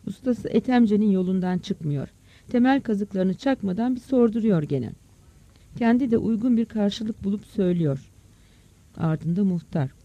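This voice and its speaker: A narrator reading a village story aloud as an audiobook in a steady storytelling manner. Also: mid-range voice, no room sound. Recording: dull, dry close recording.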